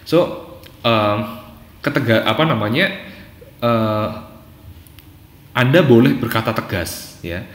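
A man's voice: mid-range voice, takes it slowly, pauses often, a bit bright. A man who is a psychologist, explaining parenting steps point by point in a talk and acting out short examples. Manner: acts out short parent and child exchanges in a raised voice. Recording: echoey, reverberant room.

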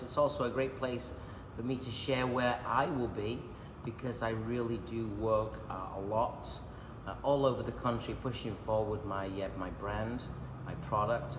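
Giving a live haircut lesson in a big, bright salon, a man in his fifties chats and jokes while he works and teaches. His medium-pitched voice is slightly croaky, captured by a phone camera held nearby amid the echo and noise of the salon room.

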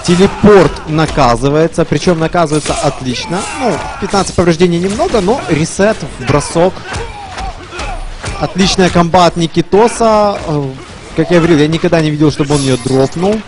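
A man's voice: fairly high pitch, moderate pace, over music. A man giving casual live commentary on a fighting game tournament, chatty, with playful asides. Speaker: esports commentator. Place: live gaming tournament event.

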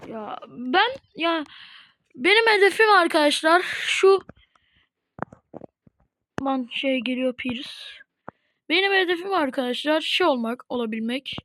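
A woman at home chatting casually to her viewers while playing a game, chatty and prone to excited, dramatic outbursts. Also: sits high, a little slow, pauses often, slight background noise. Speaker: gaming video host. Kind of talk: casual gameplay commentary.

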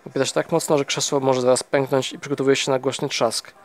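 A man reads a first-person novel aloud in what sounds like a home audiobook recording, with a middling pitch and a fast pace. His delivery is steady and plain, though he occasionally stumbles and restarts a word.

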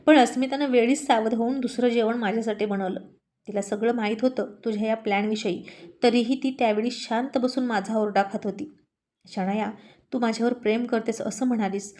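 A woman narrating a scripted drama story, reading all the characters' lines in her own voice and getting louder in the arguments. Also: fairly high pitch.

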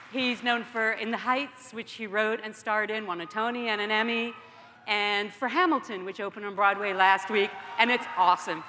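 A woman's voice: medium pitch, sharp tone, a little hiss or hum. A woman in her fifties, a film producer, announcing a team on stage with chatty enthusiasm. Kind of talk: stage presentation. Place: large indoor arena stage. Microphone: lapel mic. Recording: reverberant arena with faint crowd.

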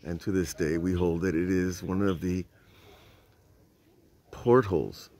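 Deep, steady and dark in tone, an older rabbi speaks slowly during an informal nighttime Torah lesson by old stone walls. He recounts the story in a conversational way, putting rhetorical questions to those listening, while someone films on a phone at arm's length.

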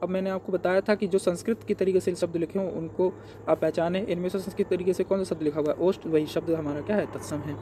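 High-voiced man tutoring Hindi exam questions. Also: fairly even intonation, fast talker, dark tone, slight background noise. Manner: explains step by step, asks and answers his own questions. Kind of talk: exam paper walkthrough.

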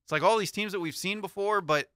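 Bright-voiced man chatting sports. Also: high-pitched, quick pace, clear, resonant tone, no echo, studio quality. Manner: easygoing, hedging with fillers. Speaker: co-host. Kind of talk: casual sports chat.

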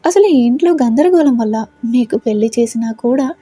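A woman's voice: a little high, expressive, moderate pace, dark tone, husky, no room sound. A woman voicing a caring older uncle who speaks sadly and earnestly. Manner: sad, earnest.

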